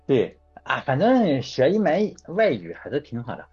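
A man's voice: medium pitch, huge pitch swings, moderate pace, darkish tone, slightly rough. A man hosting a casual chat show, rambling through anecdotes and correcting himself as he goes. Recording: dull lo-fi sound with faint music.

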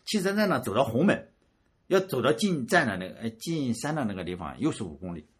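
A man from rural Shandong telling a personal story in a casual, animated way. He often repeats words and chuckles at himself. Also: mid-range voice, a little fast, breathy edge. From Shandong, rural China.

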